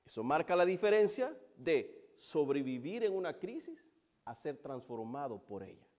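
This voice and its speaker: A man preaching a sermon, moving between hushed, drawn-out passages and loud, fervent build-ups. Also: fairly high pitch, big pitch swings.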